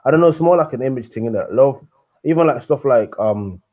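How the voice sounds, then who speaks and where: A man's voice: mid-range voice, expressive, a little fast, muffled recording. A young man with a London roadman accent chatting casually in street slang, often tagging his sentences with innit. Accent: London, urban roadman slang. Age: young adult. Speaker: panellist on a live discussion show. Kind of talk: casual chat.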